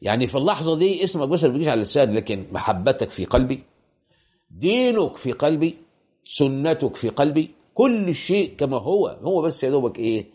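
A man's voice: mid-range voice, sing-song, fast, warm tone. A man with an Egyptian Arabic accent giving a colloquial religious lecture, asking rhetorical questions and repeating points for emphasis. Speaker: preacher.

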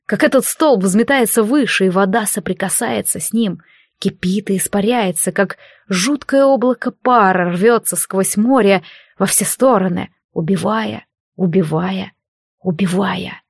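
A woman narrating a fantasy audiobook in a measured, dramatic reading. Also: medium pitch, no room sound, clean studio sound.

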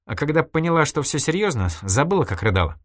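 A man's voice: a little high, big pitch swings, quick pace, no room sound, studio quality, voice pushed up. A man reading an audiobook, voicing a shaken woman who reproaches a friend. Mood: reproachful. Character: shaken woman facing her friend the killer.

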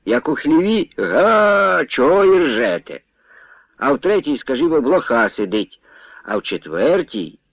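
A man reading a novel aloud for the radio, with an expressive delivery. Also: medium pitch, dry recording. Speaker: narrator. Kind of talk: scripted narration of a novel on radio. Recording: tinny phone-like radio sound.

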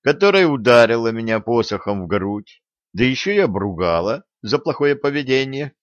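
A man voicing a wry, weary wounded sorcerer who speaks hoarsely. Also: mid-range voice, very animated, moderate pace, no echo, muffled recording, natural voice.

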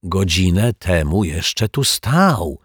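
A man's voice: low-pitched, very animated, takes it slowly, slightly rough, no echo, studio quality, full character voice. A man voicing a blunt, practical elderly caretaker in a children's storybook reading. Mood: bewildered.

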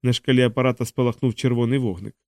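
A man narrating an audiobook in a measured, steady reading voice on a close studio mic. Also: medium pitch, no echo.

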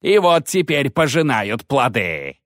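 A male narrator voicing a gaunt fanatical priest who preaches in a slow, drawn-out tirade in an audiobook. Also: mid-range voice, sing-song, a bit bright, dry recording, studio quality, voice pushed up. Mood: ranting. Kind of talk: audiobook character voice.

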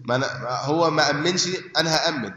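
A man's voice: on the high side, rapid-fire, bright, forceful tone. A man with an Egyptian accent teaching a religious lesson, explaining by asking and answering his own questions and checking that listeners follow. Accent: Egyptian Arabic. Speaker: sheikh teaching a hadith book. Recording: echoey hall, dull lo-fi sound.

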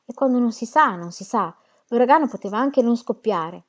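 A woman's voice: a little high, animated, moderate pace, pitched above the performer's own voice. Woman reading as a scared tired young woman, pleading, out of breath. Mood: weary. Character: frightened, exhausted young woman in a storm.

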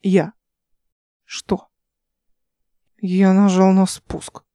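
A woman reading the part of a drunk, dazed male starship pilot with slurred, halting speech in an audiobook. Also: medium pitch, completely flat delivery, dark tone, no echo, clean studio sound.

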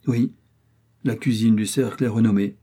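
A man's voice: fairly low pitch, fairly even intonation, moderate pace, dark tone, slightly rough. A man voicing a suave young male count who talks with polished, courteous irony. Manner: polished, courteous, slightly ironic.

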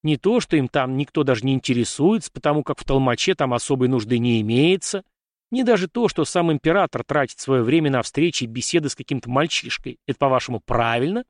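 A man voicing an irritable, sharp-tongued young nobleman who speaks bluntly, in a storybook reading. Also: medium pitch, lively intonation, no room sound, clean studio sound, lightly acted. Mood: indignant. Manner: blunt, quick to snap.

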